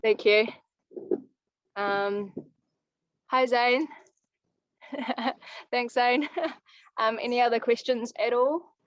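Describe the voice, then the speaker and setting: A woman's voice: on the high side, fairly even intonation, very slow, pauses often, dry recording. Young New woman, laid-back coach fielding questions, muffled dry call audio. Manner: practical, easygoing advice-giving. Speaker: climbing coach. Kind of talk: live online coaching Q&A. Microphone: video call.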